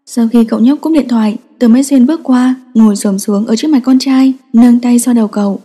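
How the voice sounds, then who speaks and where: A woman reading a story aloud as narrator, in steady scripted audiobook narration. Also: on the high side, brisk, slightly rough. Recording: long reverb.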